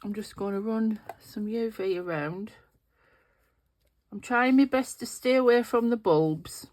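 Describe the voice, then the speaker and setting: In an unhurried, slightly mellow, medium-pitched voice, the middle-aged resin craft host chats casually. Sniffly and nasal, she thinks aloud as her hands work through the tutorial.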